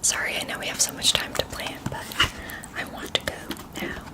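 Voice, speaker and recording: A woman in a whispered role-play, chatting as if to a close friend, keeping hushed and quiet at night so nobody wakes. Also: fairly quick. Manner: quiet at night, hushed so as not to wake others. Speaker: ASMR performer.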